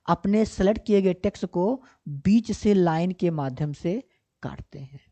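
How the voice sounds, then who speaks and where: A female computer instructor explains software step by step at a slightly slow pace in a lowish voice. She repeats herself, answers her own questions, and frequently asks "ठीक ना" to check understanding. The screen recording has a somewhat dull, lo-fi sound.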